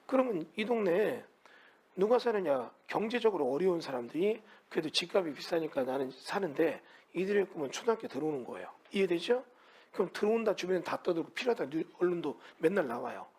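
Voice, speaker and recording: A man's voice: sits high, big pitch swings, brisk, a little mellow, slightly rough. A man teaching a real estate law class, asking his students many rhetorical questions. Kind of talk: lecture to students.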